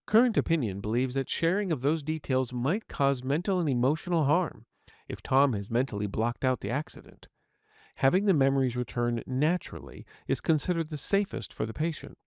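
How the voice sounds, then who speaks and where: This man performs scripted audiobook narration as a courteous, earnest AI medical assistant, keeping a formal, clinical, explanatory tone. His mid-range voice is animated, a little fast and close to how he'd normally talk. The studio recording is clean, with no room sound.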